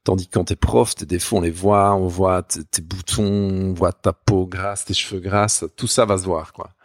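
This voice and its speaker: A university Spanish teacher from Namur speaks with a Belgian French accent in a deep voice, at a moderate pace with fairly even intonation. As a podcast guest he chats casually and pokes fun at himself, restarting often, on a clean studio recording with no room sound.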